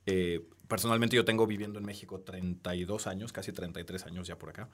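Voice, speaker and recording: A middle-aged man from Peru, a podcast guest who explains calmly and often ends with a tag question. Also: deep voice, fast. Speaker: podcast guest, tech entrepreneur. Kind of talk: casual interview talk.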